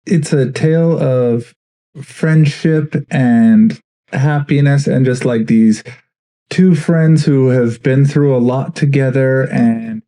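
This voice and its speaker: A man playing in a tabletop game, slowly and thoughtfully describing his character. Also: medium pitch, warm tone. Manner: slow, thoughtful, filler-heavy. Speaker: player.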